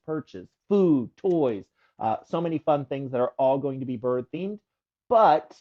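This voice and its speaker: An upbeat man chats through announcements on a livestream, friendly and promotional in tone. His voice sits at a middling pitch. The audio is dull and lo-fi. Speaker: livestream co-host.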